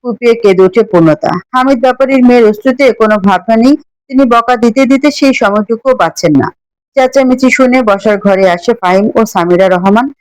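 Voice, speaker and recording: Expressive woman narrating an emotional story. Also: on the high side, brisk, no echo, poor audio.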